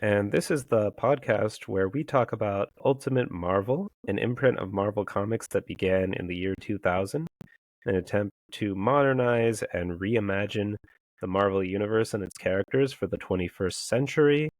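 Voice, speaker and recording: A man with a cold-roughened, hoarse voice co-hosting a casual comics podcast, calm and measured. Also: on the low side, dry recording. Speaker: podcast co-host.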